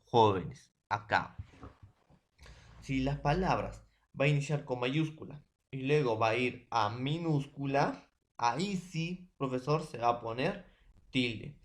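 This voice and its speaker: A Peruvian man gives a secondary school language lesson. His voice sits at a middle pitch, and he circles back over each point, tagging questions onto nearly every sentence. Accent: Peruvian Spanish. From Peru. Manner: repetitive, keeps adding tag questions and "profesor". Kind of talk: remote class lecture.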